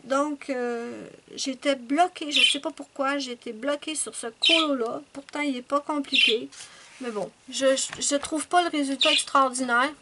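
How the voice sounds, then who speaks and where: A woman's voice: high voice, steady tone, unhurried, very noisy. A woman chatting casually to her viewers about her finished coloring pages, with frequent fillers and restarts. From Canada. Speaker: coloring channel host.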